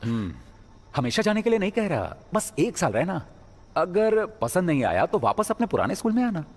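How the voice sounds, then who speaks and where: A stern husky laundryman father. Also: high-pitched, very animated, moderate pace, heavily acted. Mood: coaxing. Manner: scolding, then gently coaxing. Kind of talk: Hindi film dub.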